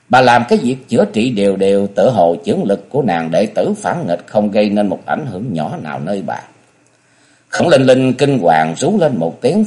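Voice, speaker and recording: A man's voice: lowish voice, darkish tone. A man narrating a martial-arts novel audiobook in a dramatic storytelling manner.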